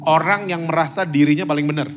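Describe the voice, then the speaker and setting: A man's voice: fairly high pitch, fairly even intonation, fast, noisy background. A man, a pastor, preaching conversationally as a talk-show guest, quizzing the audience and mixing in English words. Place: church meeting room.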